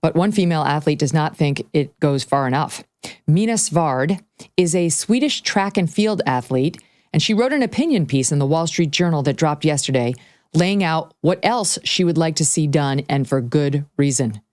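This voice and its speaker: A woman with a low, steady voice hosts an interview and reads ads. She asks brisk, direct questions. The sound is close and dry. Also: no echo. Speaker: host.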